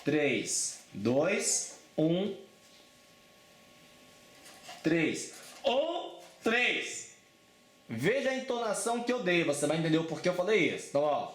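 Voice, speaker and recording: A man's voice: on the high side, very animated, unhurried, pauses often, reverberant. Chatty Brazilian male math teacher. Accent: Brazilian Portuguese. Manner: chatty and informal, with frequent check-ins and slang. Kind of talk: casual exam-prep math lesson.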